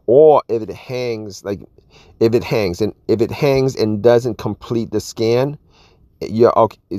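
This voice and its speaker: A man's voice: fairly low pitch, darkish tone, dry recording. A man casually explaining a car repair, rambling and often saying "all right" and "you guys". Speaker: car repair video host. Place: outdoors at an open car engine bay.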